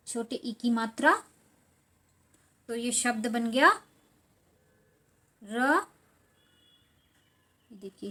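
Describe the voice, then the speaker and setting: A young adult woman teaching children, slowly spelling words out syllable by syllable in a patient tone. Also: a little high, a bit bright. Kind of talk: slow, patient lesson for children.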